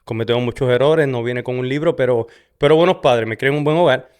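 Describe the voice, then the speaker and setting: On a studio camera setup, a middle-aged Puerto Rican podcast host tells his personal testimony casually, frequently ending sentences with "¿verdad?" and dropping in an English "so". His mid-range voice is smooth, and he talks fast in a Puerto Rican Spanish accent.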